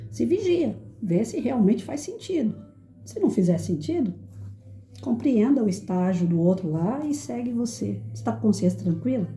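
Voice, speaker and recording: A middle-aged woman teacher speaks to an audience in a firm, clear voice that carries. Her tone is very dark and mellow, and the room adds a roomy echo. She sometimes acts out quotes in shrill, high voices. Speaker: teacher and educator. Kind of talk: reflective talk to an audience.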